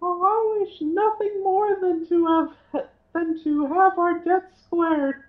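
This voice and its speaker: A woman voicing an eager, fawning male chef character in a tabletop game, speaking high and excited. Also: slow. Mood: pleading. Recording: tinny phone line.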